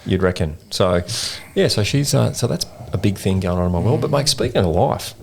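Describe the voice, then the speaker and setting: A man with an Australian accent telling a long story in a rambling, animated way, full of slang, as a podcast co-host. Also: lowish voice, a little fast, gravelly, a little hiss or hum. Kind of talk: casual storytelling chat. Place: in-person podcast recording.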